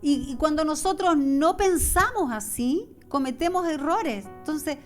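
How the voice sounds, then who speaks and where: A woman's voice: high voice, lively intonation, measured pace, soft background music. A woman preaching a sermon, passionate and repetitive, acting out the voices she describes. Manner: impassioned, repetitive preaching with acted-out inner voices.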